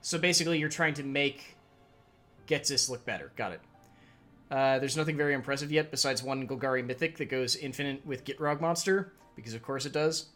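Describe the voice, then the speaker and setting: A man's voice: medium pitch, brisk, a bit bright. A man hosting a let's play, chatting casually and rambling, with occasional swearing while he reads game text aloud. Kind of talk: casual gameplay commentary. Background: game music.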